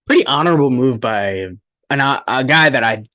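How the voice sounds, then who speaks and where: A young man co-hosting a casual sports podcast, sarcastic and quick to rant. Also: medium pitch, animated. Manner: sarcastic, flares up into loud rants. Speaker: podcast co-host.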